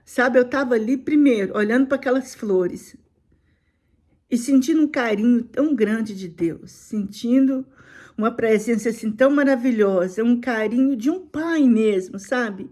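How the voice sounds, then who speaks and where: A middle-aged woman tells an emotional personal faith testimony, often dropping to a soft, hushed voice. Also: fairly high pitch, normal speed.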